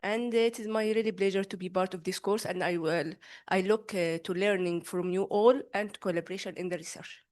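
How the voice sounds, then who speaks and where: A woman with an Egyptian accent gives a formal self-introduction to a group in an earnest, careful, halting way. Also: mid-range voice, fairly even intonation, a little mellow. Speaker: course participant, pharmacist.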